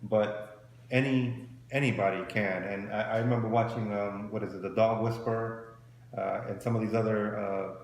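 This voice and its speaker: Speaking at a moderate pace in a fairly low, steady voice, this forty-something man co-hosts a marriage advice program. He gives relaxed, chatty advice and often restates his points another way. Faint background noise and a roomy echo surround him.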